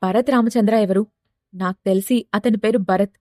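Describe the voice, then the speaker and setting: A woman's voice: medium pitch, fairly even intonation, normal speed, dark tone, dry recording, clean studio sound, natural voice. A woman voicing an arrogant young man, a politician's son, who talks in an irritated, dismissive way.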